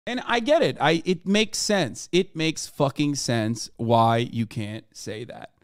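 A blunt, swearing male streamer talks through his opinions in a smooth, resonant voice. The sound is dry and close, with almost no room around it. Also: on the high side, lively intonation, slow, no echo. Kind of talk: casual reaction commentary.

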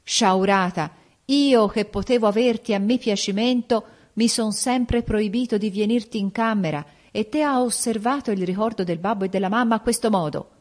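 A woman's voice: mid-range voice, expressive, moderate pace, natural voice. A woman reading the part of a jealous king, raising her voice in accusing outbursts. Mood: furious. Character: angry jealous king, man.

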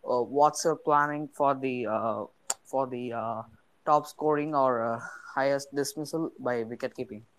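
A man, a fan on an audio call, asking questions haltingly with many fillers and uneven phrasing. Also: medium pitch, low-quality recording. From New Zealand.

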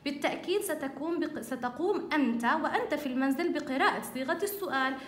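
A woman teaching a first-grade Arabic lesson to young children, encouraging them with sing-song praise and drawn-out letter sounds. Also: high-pitched. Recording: echoey, distant mic, faint noise.

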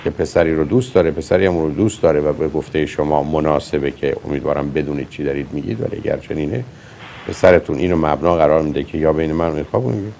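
Deep gravelly male psychologist host. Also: dark tone, a little hiss or hum. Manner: blunt, lecturing, emphatic. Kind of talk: call-in advice show.

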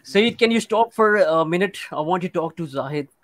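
Casting: man, slightly higher voice, dry close sound, hesitant, filler-heavy, video-call mic. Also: expressive, a little fast, no room sound. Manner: hesitant, many uh fillers, non-native grammar. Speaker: student participant. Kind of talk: casual online class chat.

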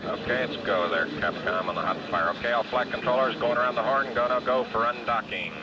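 A man's voice: medium pitch, brisk. A man acting as mission flight director, giving clipped, procedural calls heard over a mission control radio loop. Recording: muffled archival radio audio with hiss.

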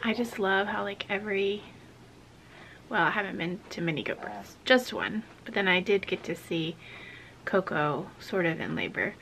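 Animated and medium-pitched with some vocal fry, a woman in her thirties talks at a moderate pace through a casual vlog, often lowering to a whisper. The setting shifts between a wooden barn at night and a farmhouse kitchen, and a little hiss or hum is heard.

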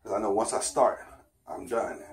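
A man's voice: fairly low pitch, normal speed, a little hiss or hum. A man in his thirties talking casually to the camera in a fitness challenge vlog, recorded in a bedroom. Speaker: vlogger, father. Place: small bedroom at home. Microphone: camera on the floor a short distance away.

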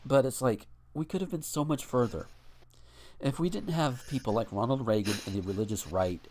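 A man's voice: on the low side, darkish tone. A man co-hosting a casual podcast, talking bluntly and swearing freely, and sometimes reading a news article aloud. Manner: blunt and profane, ranting with restarts. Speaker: podcast co-host.

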